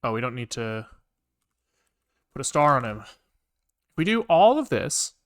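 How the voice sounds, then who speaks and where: Streaming himself programming, this man mutters casually and swears as he reasons through problems out loud. He sounds very animated and a bit bright, with a medium pitch and a measured pace.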